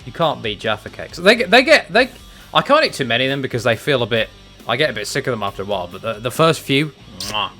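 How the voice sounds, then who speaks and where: A young man from England rambles casually as he streams a fighting game. He restarts his sentences often and drops in the odd curse word. His tone is lively and sharp, and faint music plays underneath. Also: medium pitch, fast. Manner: chatty, rambling with restarts and mild swearing. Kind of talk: casual chat while gaming.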